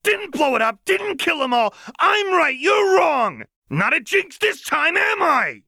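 A man's voice: very high-pitched, very animated, moderate pace, fairly bright tone, breathy edge, no echo, clean studio sound, pitched above the performer's own voice, exaggerated voice. A man doing a shrieking manic young woman. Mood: manic ranting. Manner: shrieking, ranting, frantic. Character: manic unstable young woman mechanic, volatile.

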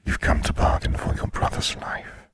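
A man voicing Death, a polite skeleton in a robe, in a soft, breathy whisper with an unhurried, dry manner. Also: a little hiss or hum, close to an everyday voice. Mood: calm, wry. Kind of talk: audiobook character voice.

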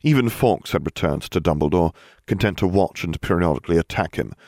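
A man reading a story aloud as narrator, with a wry, expressive delivery. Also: low-pitched, fairly quick, no room sound, studio quality. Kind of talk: audiobook reading of fan fiction.

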